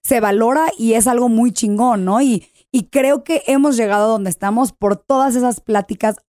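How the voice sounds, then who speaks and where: A Mexican woman, a guest on a podcast, telling her story candidly and in an animated way, swearing freely. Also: fairly high pitch, moderate pace, dry recording, studio quality. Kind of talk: casual podcast chat.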